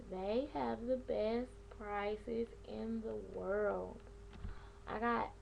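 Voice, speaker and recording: A woman's voice: fairly high pitch, creaky, a little mellow, muffled recording, a little hiss or hum. A young woman giving advice in a casual, slangy, rambling vlog style, easily sidetracked as she talks. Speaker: vlogger sharing piercing aftercare advice. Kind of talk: casual rambling chat to camera.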